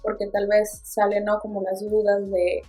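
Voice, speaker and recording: A woman's voice: mid-range voice, completely flat delivery, normal speed, warm tone, slightly rough, soft background music. A woman with a Mexican accent, a book vlogger chatting casually and expressively about her reading, with playful asides. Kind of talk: casual book review chat.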